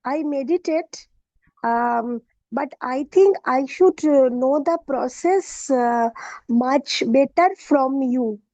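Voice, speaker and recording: A woman's voice: high voice, takes it slowly, warm tone, dry recording, lo-fi sound. A woman from Kolkata, asking a question hesitantly with many filler sounds. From Kolkata, India. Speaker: session participant.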